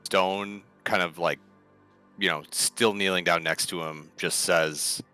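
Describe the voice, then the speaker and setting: Deep-voiced man playing a tabletop game. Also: fairly even intonation, slow, pushed and bright, smooth, faint music behind. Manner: thinking aloud, cursing. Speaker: player. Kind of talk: tabletop role-play chat.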